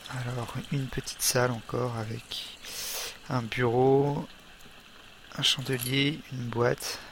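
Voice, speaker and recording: Casting: man, mid-pitched voice, halting let's-play commentator, faint hiss behind. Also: flat delivery. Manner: hesitant, halting, many fillers and restarts. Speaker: gamer.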